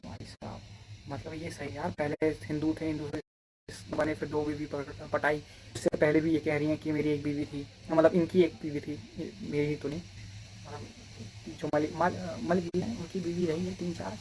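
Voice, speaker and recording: A man's voice: fairly high pitch, flat delivery, normal speed, darkish tone, slight background noise, low-quality recording. A man giving casual, rambling commentary on video clips as commentator, often stopping to check that his listeners follow.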